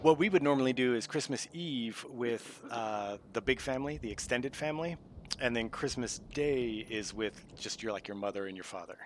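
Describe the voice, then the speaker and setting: A man from the United States streams and chats casually at a moderate pace and medium pitch. He's easygoing and rambling with many fillers, and faint background noise can be heard.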